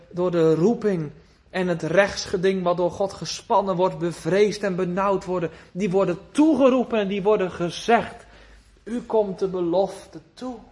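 High-voiced man preaching earnestly. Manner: earnest, swinging between emphatic raised lines and hushed tender phrases; uses old biblical phrasing and rhetorical questions. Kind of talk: sermon.

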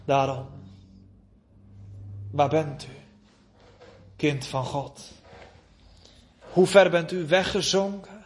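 A man preaching a sermon, pleading with his listeners and drawing out words between long pauses. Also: fairly high pitch, a little hiss or hum.

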